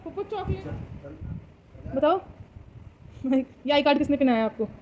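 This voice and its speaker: A woman's voice: sits high, sing-song, slow pace, a little hiss or hum. A woman coaxing a small child at home in a sing-song voice. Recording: dull lo-fi recording.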